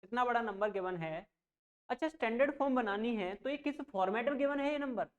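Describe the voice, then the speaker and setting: The audio is dull, and the coaching teacher's voice is very high and animated. He patiently guides an online math class step by step, saying numbers aloud, checking comprehension and speaking plainly and reassuringly.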